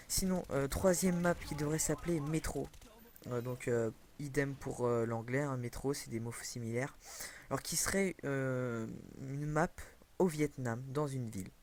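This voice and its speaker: A young man commenting casually on a video game over a headset, rambling with many fillers and self-corrections. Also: mid-range voice. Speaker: gaming commentator.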